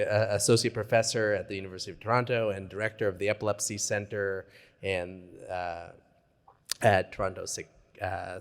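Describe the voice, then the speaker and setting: A man moderating a conference session, introducing the next speaker with many hesitations. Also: lowish voice. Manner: halting, many uhs.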